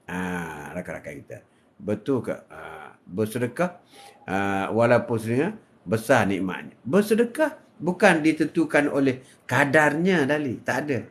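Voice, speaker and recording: An older man with a Malaysian Malay accent giving a live religious talk, swinging between loud, high exhortation and low murmurs. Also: lively intonation, moderate pace. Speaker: religious speaker.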